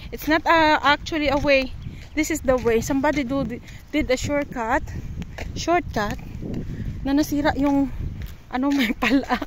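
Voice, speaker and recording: A woman chatting casually while walking outdoors and filming a vlog on a handheld phone, mixing English words into her talk. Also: high-pitched. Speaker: vlogger. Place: outdoors on a street. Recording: noisy outdoor street sound.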